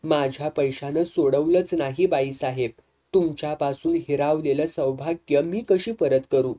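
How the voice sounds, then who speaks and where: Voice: medium pitch, unhurried, mellow, close to an everyday voice. A storyteller voicing a humble, remorseful woman who pleads tearfully. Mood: pleading.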